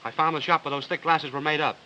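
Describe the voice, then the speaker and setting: An actor playing a breezy, confident young man with a brisk, reassuring delivery on an early talkie film soundtrack. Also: a little high, fairly even intonation, pushed and bright, dull audio, a little hiss or hum. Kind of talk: 1930s film acting.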